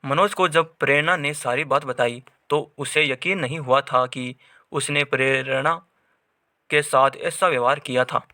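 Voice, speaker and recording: A man narrating a dramatic story in a steady, scripted read. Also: mid-range voice, measured pace, no room sound, studio quality.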